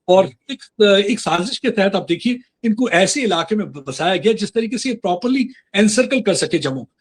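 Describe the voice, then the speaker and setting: A man with a fairly high, slightly husky voice speaks as a guest in a political interview. He talks earnestly and insistently, sliding between Hindi and English with frequent fillers.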